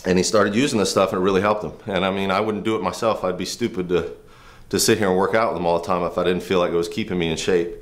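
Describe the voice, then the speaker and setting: A man's voice: sits low, steady tone, quick pace. A man in his thirties, a firefighter and trainer, giving a casual, earnest workout demo in a home garage, rambling with restarts.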